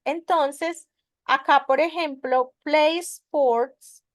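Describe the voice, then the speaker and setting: Her high voice moves very slowly with fairly even intonation, recorded at studio quality with no echo. She runs an English grammar class through a web conference, patiently explaining each step and frequently asking her students whether they follow.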